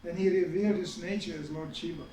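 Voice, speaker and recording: A man's voice: sits high, fairly even intonation, quick pace, crowd noise. A man giving a storytelling sermon in a conversational way, with frequent asides to his listeners. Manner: conversational, many asides to the audience. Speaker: spiritual teacher giving a scripture class. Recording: echoey hall, mic at a distance.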